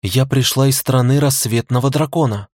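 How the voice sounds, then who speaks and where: A man voicing a young female fox spirit in an audiobook, calm and slightly aloof. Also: medium pitch, moderate pace, dry recording, studio quality, pitched above the performer's own voice, close to an everyday voice. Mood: cool.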